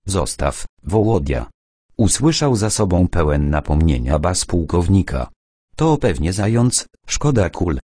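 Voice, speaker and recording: A man's voice: low-pitched, big pitch swings, measured pace, dark tone, dry recording, clean studio sound, heavily acted. A man voicing a stern, commanding army colonel in an audiobook, giving curt orders. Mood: dismissive.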